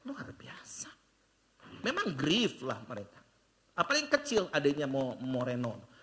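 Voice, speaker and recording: An older man preaching a sermon as pastor, telling stories and slipping English phrases into his talk, swinging between loud bursts and hushed low passages. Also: wildly swooping pitch, normal speed, slight background noise. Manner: mixes in English phrases, storytelling.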